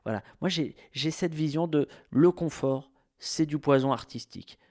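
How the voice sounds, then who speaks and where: A man's voice: on the high side, normal speed, a little mellow. A man from France hosting a podcast, talking in a rambling, self-mocking monologue full of restarts and exasperated asides. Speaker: podcast host. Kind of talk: casual monologue.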